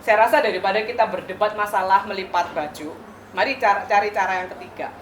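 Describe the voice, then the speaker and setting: A woman's voice: mid-range voice, fairly quick, slight background noise. A woman pastor delivering a wedding sermon, explaining her points with rhetorical questions and light playful asides. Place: church or wedding venue. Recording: echoey venue with faint ambience.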